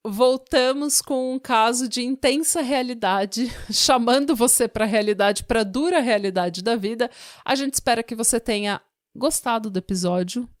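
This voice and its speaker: A woman's voice: on the high side, moderate pace, no echo, clean studio sound. A Brazilian woman co-hosting a true-crime podcast, casual and sarcastic, given to rhetorical questions. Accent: Brazilian Portuguese. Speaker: podcast co-host.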